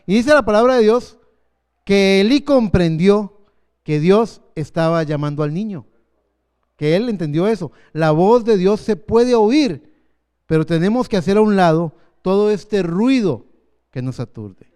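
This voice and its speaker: A man in his fifties preaching a sermon as pastor, earnest, slowing down for emphasis. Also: high voice, expressive, darkish tone, clear, resonant tone. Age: 50s.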